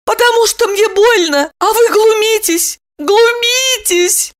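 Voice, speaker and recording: Woman doing a tearful woman, squeaky high voice, wailing, offended, audiobook voice. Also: takes it slowly. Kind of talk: audiobook character voice.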